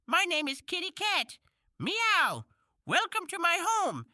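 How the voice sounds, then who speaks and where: Woman voicing a cheerful cartoon kitten, high bright voice, slow sing-song to toddlers. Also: big pitch swings, no echo, clean studio sound, heavily acted. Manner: slow, sing-song, talks to small children. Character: cheerful young male kitten host. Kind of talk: preschool cartoon voice.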